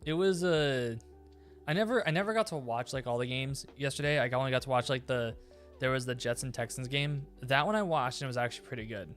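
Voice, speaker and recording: A man's voice: medium pitch, brisk, a bit bright, soft background music. A man chatting casually on a live stream, rambling with many fillers and restarts.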